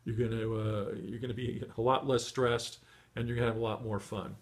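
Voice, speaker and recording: A middle-aged man giving a motivational training talk to beginners, encouraging and full of fillers and restarts, his voice going hoarse. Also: mid-range voice, level tone, fairly quick. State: losing his voice. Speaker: online marketing trainer.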